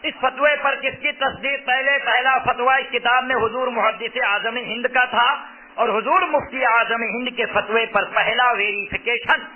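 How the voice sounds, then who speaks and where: This high-pitched male preacher keeps a fairly even intonation at normal speed while explaining a fatwa in his sermon. He is emphatic and returns to key phrases again and again. The close loudspeaker microphone makes everything sound tinny and phone-like.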